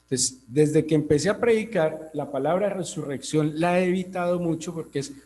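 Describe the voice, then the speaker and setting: A man's voice: moderate pace, warm tone. A man from Colombia with a Colombian accent, preaching a sermon and stressing points with rhetorical questions; a tongue-tie makes his R sound guttural. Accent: Colombian Spanish. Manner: emphatic rhetorical questions, rising to high peaks.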